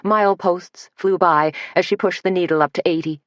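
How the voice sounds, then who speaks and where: A woman narrating an audiobook mystery in a steady, measured reading. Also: lowish voice, no echo, muffled recording. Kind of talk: scripted narration.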